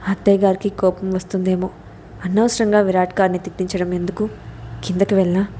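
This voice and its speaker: A woman's voice: mid-range voice, level tone, brisk, warm tone, slight background noise, natural voice. A woman voicing a tense, flustered young wife in an audio story. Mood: irritated.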